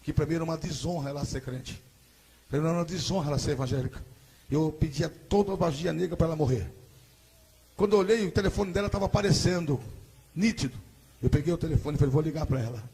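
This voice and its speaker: High, husky Brazilian evangelist preaching. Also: male voice, fast. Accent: Brazilian Portuguese. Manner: dramatic storytelling, rising to shouted preaching. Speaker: evangelist giving testimony. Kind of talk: testimony sermon. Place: church service.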